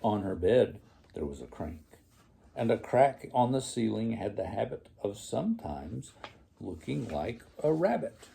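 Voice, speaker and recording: An older man, a grandfather, reading a children's storybook aloud in a slow, deliberate, gravelly old man's voice. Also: on the low side, big pitch swings, mellow, a little hiss or hum.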